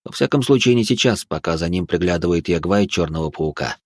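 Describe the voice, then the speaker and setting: A man narrating a first-person fantasy audiobook in a measured, even manner. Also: deep voice, no echo, studio quality.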